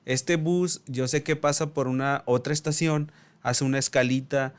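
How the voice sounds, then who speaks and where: Un hombre joven de México con acento del norte de México, contando animado una anécdota personal en un pódcast, imitando los diálogos. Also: male voice, medium pitch, normal speed, smooth. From Mexico. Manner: animated storyteller acting out dialogue. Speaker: podcast co-host. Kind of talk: casual storytelling.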